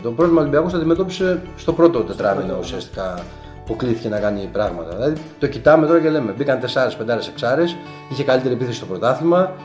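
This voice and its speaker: A man's voice: mid-range voice, animated, a little mellow. A man in his forties, a guest sports journalist, making his points at length in casual podcast chat. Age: 40s. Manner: argues at length, explaining points. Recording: roomy echo with faint music.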